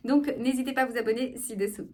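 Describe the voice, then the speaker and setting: A woman with a somewhat high voice explains vocal registers in a video lesson. She teaches with a lively, engaged tone and often pauses to check that her listeners follow. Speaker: speech therapist.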